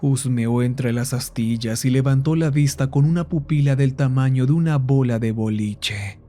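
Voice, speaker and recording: A man narrating a horror story in a scripted, measured style. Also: mid-range voice, dark tone. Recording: faint music underneath.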